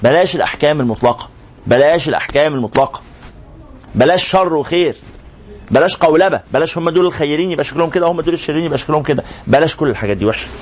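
In a room with a class, an Egyptian sheikh gives a religious lesson in Egyptian Arabic, shooting rhetorical questions at his listeners. His voice is on the high side and rapid-fire. The muffled lo-fi recording carries slight background noise.

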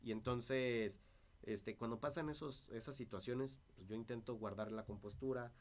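A man's voice: medium pitch, normal speed. A man with a dry voice, talking through past disputes as an interview guest. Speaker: interview guest, party politician. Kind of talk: casual interview conversation.

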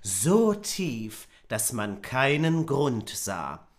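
A man's voice: medium pitch, extremely slow. A man co-hosting a podcast, reading a fairy tale aloud and correcting his partner. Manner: lively, corrects the other host. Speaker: podcast co-host.

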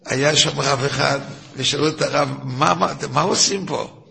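An older rabbi tells stories in his weekly lesson, his voice gravelly and bright. He speaks a little high for a man and keeps the telling lively, slipping into the voices of the people in his tales. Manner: animated, acts out shouting characters in stories. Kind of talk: storytelling Torah lesson.

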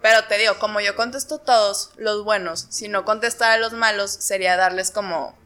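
A young woman with a northern Mexican accent from Monterrey, chatting casually as a YouTuber guest and telling things in animated, acted-out quotes. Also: medium pitch, brisk. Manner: animated storytelling, quotes herself and others in acted asides. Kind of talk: casual chat.

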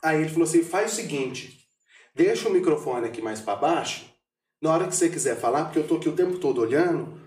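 A man's voice: fairly high pitch, fast, echoey room, far from the mic. A man, a radio announcer, telling stories in casual chat and acting out the dialogue he quotes. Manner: animated storyteller acting out quoted dialogue, shouting at punchlines. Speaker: radio announcer, podcast guest.

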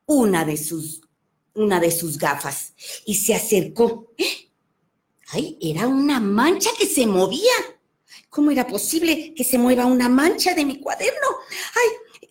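A woman, a children's storyteller who talks expressively and exclaims often. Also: high voice. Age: 50s. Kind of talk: animated storytelling.

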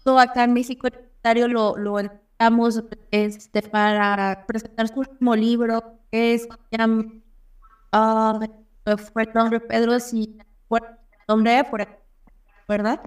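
A woman's voice: a little high, level tone, clean tone. Mexican woman breaking up on a dropping call. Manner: halting, full of restarts and fillers. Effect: voice cutting out on a dropping call connection. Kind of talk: remote panel discussion.

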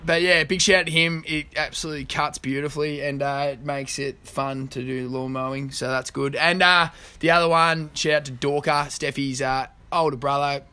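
A man's voice: fairly high pitch, steady tone, moderate pace, hardly any pauses, pushed and bright, clean tone. An Australian man hosting a podcast in casual banter, with a blokey, slangy way of talking. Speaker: podcast host. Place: outdoors.

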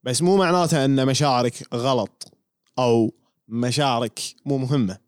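A Kuwaiti man co-hosts a relaxed podcast chat in a mid-pitched voice. He explains things patiently and often stops to ask whether he has been understood. The recording is dry and close to the mic. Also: moderate pace, clean tone, no echo. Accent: Kuwaiti Arabic. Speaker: podcast co-host. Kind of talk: casual chat.

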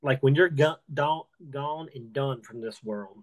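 A man's voice: medium pitch, measured pace. A man hosting a podcast interview, talking earnestly with frequent stammered restarts. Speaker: podcast host. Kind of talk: casual interview talk.

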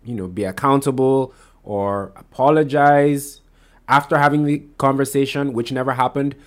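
A man's voice: mid-range voice, fairly even intonation, normal speed. A man hosting a solo podcast, talking casually and rambling, often restarting and correcting himself with lots of fillers. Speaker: podcast host.

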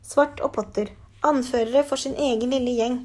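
Storybook: a woman as a stern older professor, quiet and dark. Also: sits high, steady tone, close to an everyday voice.

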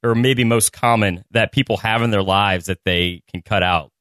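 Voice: low-pitched, steady tone, normal speed, fairly bright tone, no echo, studio quality. A trivia podcast host talking casually and reading out quiz questions in an upbeat, joking way.

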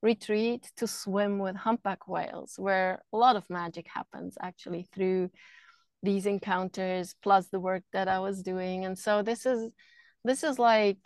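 A middle-aged woman from Switzerland speaks as a podcast guest in an earnest, flowing way, circling back and repeating words as her thoughts form. Her voice sits at an ordinary middle pitch. The recording is dry and close, with no room sound. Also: steady tone, measured pace, no room sound. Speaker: podcast guest, energy healer. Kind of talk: casual interview talk. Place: camper van.

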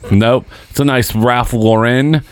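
A man in his forties hosting a casual podcast chat, blunt and profane, quick to make fun of himself. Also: medium pitch, steady tone, a crowd in the background. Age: 40s. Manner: blunt, profane, self-mocking.

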